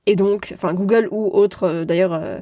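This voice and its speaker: A woman hosts a podcast and chats with her guest in a friendly, explanatory tone, now and then breaking into a light laugh. Her voice sits at an ordinary middle pitch. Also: fairly even intonation, moderate pace, warm tone. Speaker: podcast host. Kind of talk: podcast interview.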